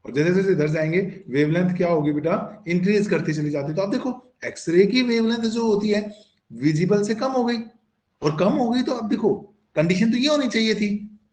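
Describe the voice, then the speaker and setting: A male physics teacher gives an online lecture with a slightly raised pitch. He keeps asking his students questions and answering them himself, slipping English terms into his explanations. The room around him is echoey. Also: normal speed, darkish tone. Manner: coaxing, calls students "beta", asks and answers his own questions.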